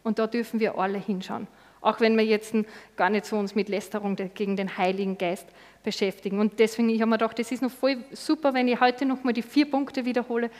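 A woman preaches a sermon in a fairly high voice, earnest and personal, now and then acting out the words she quotes. A long hall reverb hangs behind her. The sound is that of a church or meeting room. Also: level tone, fast talker, a little mellow.

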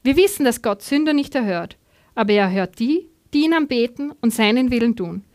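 A woman reading the lines of a healed blind man who speaks plainly and insistently, with a rise in pitch on his questions. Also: animated, brisk, a little mellow, natural voice.

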